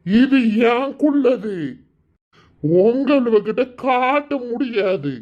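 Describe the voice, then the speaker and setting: A woman's voice: on the high side, expressive, drawn-out words, highs cut off. A woman voicing a fretful elderly village grandfather in a cartoon, speaking with a Kanyakumari Tamil accent. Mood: guarded.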